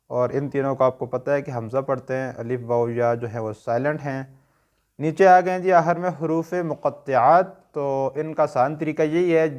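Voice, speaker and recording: A man with a Pakistani Urdu accent teaching a tajweed lesson, patiently asking questions and answering them himself. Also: on the high side. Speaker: Quran recitation teacher.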